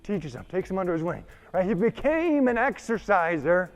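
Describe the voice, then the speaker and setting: This male trainer gives a motivational talk while leading an exercise session, his high voice very animated at a normal speed. He speaks emphatically and conversationally with frequent check-ins. The exertion is catching up with him, and he's getting a bit breathless.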